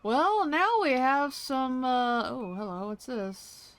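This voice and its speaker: A woman's voice: high voice, expressive, slow pace. A woman streaming a video game, making wry, casual asides with some swearing. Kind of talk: casual live game commentary. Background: game music.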